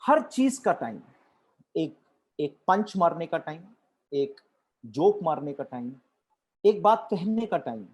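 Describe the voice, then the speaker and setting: A man giving a corporate training talk on storytelling, deliberate and switching between Hindi and English. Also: a little high, very animated, darkish tone, breathy edge.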